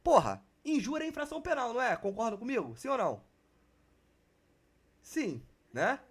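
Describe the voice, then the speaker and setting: A man runs a live online exam prep class. His voice sits high for a man, and he talks in a loose, slangy way with plenty of swearing, calling his students "cara" and "galera". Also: big pitch swings, moderate pace, breathy edge.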